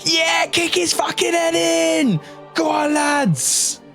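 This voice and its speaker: A man voicing an angry, foul-mouthed guardsman in a tabletop role-play, shouting taunts. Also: very high-pitched, takes it slowly, pitched above the performer's own voice, heavily acted. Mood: rowdy goading. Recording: music under the voice.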